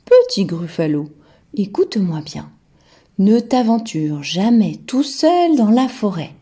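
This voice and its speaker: Cautioning monster father, played by a woman in toddler storytime: grave, drawn-out, dramatic, softly husky. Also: medium pitch, big pitch swings, heavily acted. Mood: stern warning. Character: adult male monster father, solemn, cautioning, exaggerating.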